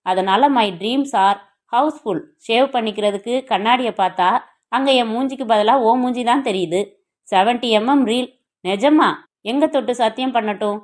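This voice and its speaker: A woman narrating a crime novel as an audiobook, reading the dialogue of every character herself. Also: fairly high pitch.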